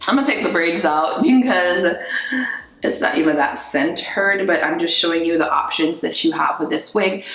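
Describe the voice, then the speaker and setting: A woman hosting a casual beauty review vlog, upbeat and gushing as she talks straight to her viewers, recorded with the strong echo of a bare bathroom. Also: fairly low pitch. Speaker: beauty vlogger. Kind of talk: casual chatty product review. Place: small bare bathroom indoors, just moved in.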